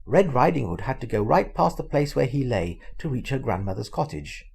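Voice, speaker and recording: An older man, a grandfather, reads a fairy tale aloud with animated, expressive storytelling. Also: mid-range voice, a little fast, creaky, breathy edge. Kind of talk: storybook reading.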